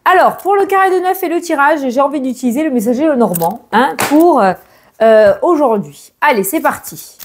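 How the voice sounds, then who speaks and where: A woman's voice: high-pitched, animated, normal speed. A woman doing a casual tarot and oracle card reading, chatting straight to the viewer and often correcting herself mid-sentence.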